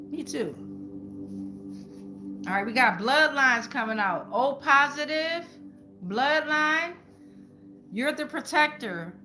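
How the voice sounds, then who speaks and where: With a high-pitched, sharp voice, a tarot reader who hosts her own channel delivers a casual spiritual reading to her audience. Her speech is colloquial, with phrases repeated in an incantation-like way.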